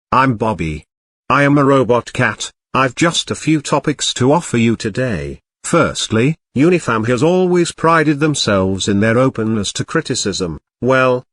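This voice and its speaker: A man giving scripted reaction commentary in a dry, sarcastic, measured way. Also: mid-range voice, a bit bright, no room sound. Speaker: commentary channel host.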